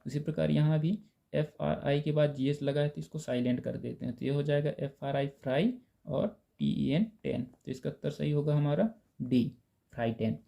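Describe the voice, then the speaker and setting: A man teaching a lesson, going over exam answers and slowly spelling out words letter by letter while speaking directly to the viewers. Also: on the high side, steady tone, gravelly, dark tone. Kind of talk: casual Hindi lesson explaining answers. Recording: dull lo-fi recording.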